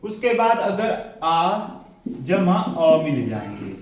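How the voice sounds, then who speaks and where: A man's voice: fairly high pitch, big pitch swings, takes it slowly, darkish tone. A man teaching a grammar lesson to a class, often asking questions and repeating the answers himself. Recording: very echoey room, distant mic, faint noise.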